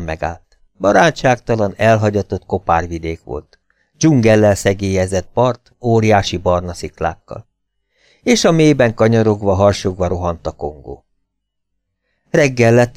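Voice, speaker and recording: Guy reading an audiobook, low voice, dry close sound, really lively delivery. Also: no room sound. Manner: lively, expressive reading with sudden pitch jumps. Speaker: audiobook reader. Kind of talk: scripted audiobook narration.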